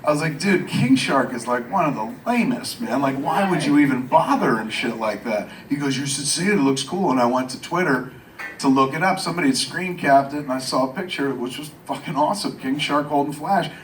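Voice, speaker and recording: A man telling a profane, comic story at a live Q&A, swearing constantly and jumping into high voices when he quotes others. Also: lively intonation, fairly quick, slight background noise. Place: live Q&A event in a venue. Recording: roomy venue sound from a distant mic. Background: faint audience laughter and ambience.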